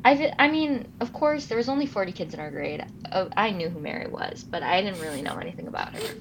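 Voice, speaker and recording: There's a noisy background behind this nineteen-year-old co-host from Los Angeles, California, whose mid-range voice is expressive and quick. On the casual podcast she chats through stories, taking detours and fixing her own words as she goes.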